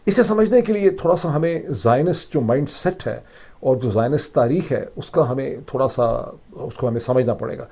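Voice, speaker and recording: A middle-aged Pakistani man speaks in a soft, mellow voice at a middle pitch. His Urdu commentary is emphatic and explanatory, and English phrases keep surfacing in it. He talks like an analyst walking viewers through his reasoning. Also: normal speed, gravelly, breathy edge. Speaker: political analyst and host. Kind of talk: solo commentary monologue.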